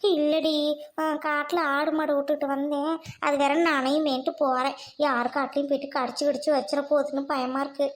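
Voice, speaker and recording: A brash, scolding older sister in a cartoon voiced by a woman, her voice high and sharp-tongued. Faint hiss runs behind her. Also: level tone, brisk, close to an everyday voice. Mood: worried. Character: bossy older sister scolding sleepy girls.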